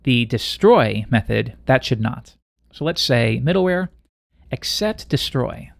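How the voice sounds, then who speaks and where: A man teaching web programming in a screencast, talking through code in a relaxed, conversational way as he works. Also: mid-range voice, measured pace, gravelly, no echo, studio quality. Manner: relaxed, conversational, thinking aloud while coding. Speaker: programming instructor. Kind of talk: screencast coding tutorial.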